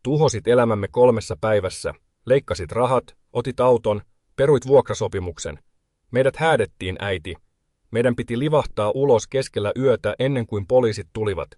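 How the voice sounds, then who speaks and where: A man voicing a desperate adult son who shouts and pleads at his mother. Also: mid-range voice, no echo, clean studio sound, lightly acted. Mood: pleading. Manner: pleading, loud.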